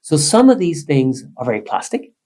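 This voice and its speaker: A man from Sweden speaking English, a psychotherapist guest explaining ideas in an animated, emphatic way. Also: a little high, moderate pace. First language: Swedish. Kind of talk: conversational podcast interview.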